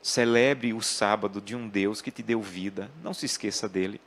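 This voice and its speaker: A man's voice: fairly low pitch, fairly even intonation, normal speed, fairly bright tone. A man preaching an earnest sermon and telling personal family stories. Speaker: pastor.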